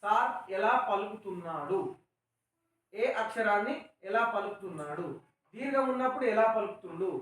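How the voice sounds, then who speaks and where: A man's voice: high-pitched, fairly bright tone, far from the mic. Male schoolteacher, Telangana accent, patient call-and-response lesson, recorded from across an echoey classroom. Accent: Telangana Telugu. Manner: patient, explains words and asks questions. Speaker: teacher.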